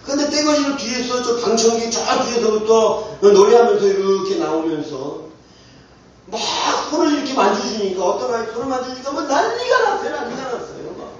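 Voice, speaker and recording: A male pastor delivers an impassioned sermon with a high, swinging voice, pressing the congregation with question after question. He is heard from a distance in an echoey church hall on a dull, muffled recording. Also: very animated, brisk. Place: church sanctuary.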